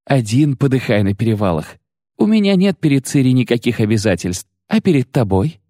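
A man reading an audiobook, voicing a proud, sharp-tongued sorceress who speaks with biting, bitter mockery. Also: medium pitch, lively intonation, moderate pace, breathy edge, no echo, studio quality, pitched above the performer's own voice. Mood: scornful. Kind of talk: audiobook character voice.

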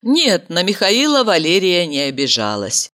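A woman narrating a story in a lively, dramatic way. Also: lowish voice, normal speed. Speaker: audiobook narrator.

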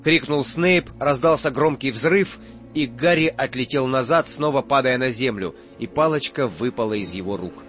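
Guy reading an audiobook, dramatic narration, soft music behind, bit muffled. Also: medium pitch, moderate pace. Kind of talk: scripted narration.

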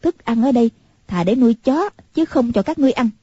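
A woman's voice: on the high side, lively intonation, a little fast, mellow, husky, no echo. A woman voicing a bitter, eerie older recluse who speaks harshly and grimly. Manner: harsh and grim. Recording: muffled lo-fi recording.

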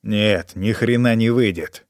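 A man voicing a weary, bitter male character in an audiobook, speaking flatly and subdued. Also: on the low side, a little slow, no room sound, clean studio sound. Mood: curt. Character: weary, bitter man, tender then cold.

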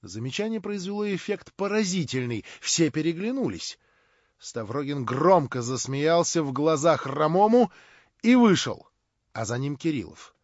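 A man narrating a literary audiobook with dramatic, animated delivery. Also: fairly high pitch, moderate pace, no echo, highs cut off. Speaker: audiobook reader.

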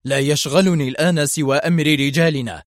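A man reading a story aloud, voicing an angry, agitated male intelligence officer who keeps snapping and shouting. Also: on the high side, steady tone, brisk, no room sound, clean studio sound, close to an everyday voice. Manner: sharp, agitated outbursts.

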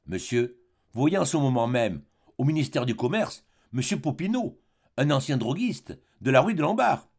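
A man's voice: mid-range voice, big pitch swings, normal speed, darkish tone, breathy edge. A man reading the part of a dignified baroness in her late forties, speaking in a haughty, firm way in a storybook reading.

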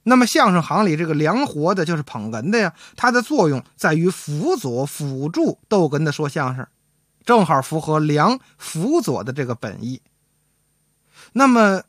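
A man hosts a radio show in a chatty, playful storytelling style. His voice is fairly high, and his pitch bounces widely as he talks. The sound is dry and close to the mic. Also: no echo. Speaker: radio host and crosstalk performer.

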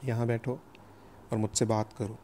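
A man's voice: medium pitch, level tone, dark tone, slight background noise, close to an everyday voice. A man reading an earnest, pleading young husband. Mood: insistent.

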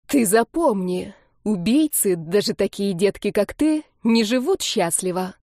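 A woman's voice: medium pitch, animated, a little slow, darkish tone, no echo, studio quality. A woman voicing a drunk, grief-crazed grandmother in her sixties who shrieks curses with spite. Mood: screaming hatred.

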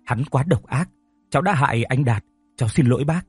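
A man's voice: medium pitch, lively intonation, a little fast, darkish tone, breathy edge, no echo, soft background music. A man voicing a tearful young woman who is full of guilt, speaking in a choked, apologetic way. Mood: remorseful.

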